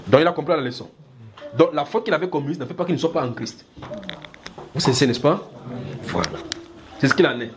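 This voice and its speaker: A man preaching a sermon in church, lively and demonstrative, often checking that the congregation follows. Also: a little high, brisk, pauses often, noisy background. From Cameroon. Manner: animated, acts out little scenes and keeps checking the congregation follows.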